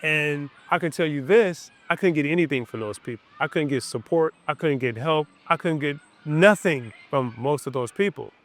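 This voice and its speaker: A man's voice: fairly high pitch, normal speed, few pauses, fairly bright tone. A man giving a reflective motivational talk to camera outdoors in a park. He speaks earnestly in short phrases and comes back to his key points. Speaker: business coach.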